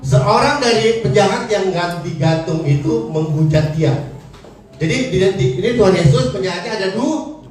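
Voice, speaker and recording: A male preacher, giving a lively sermon and acting out characters in slangy voices. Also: high-pitched, normal speed. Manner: animated, acts out characters in slangy voices, laughs often. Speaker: evangelist preacher. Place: church hall. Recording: echoey church hall, voice from far off, music behind.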